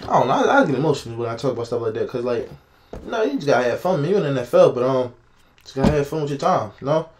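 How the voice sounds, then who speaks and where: A man's voice: mid-range voice, racing, noisy background. A young man speaking, giving casual, slangy reaction commentary on a football game, talking straight to his viewers. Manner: excited, slangy, talks to viewers, laughs often. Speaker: sports reaction YouTuber.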